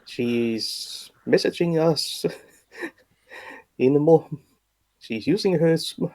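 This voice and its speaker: A man playing a tabletop game, chatting casually in a hesitant, halting way. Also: fairly high pitch, expressive, mellow.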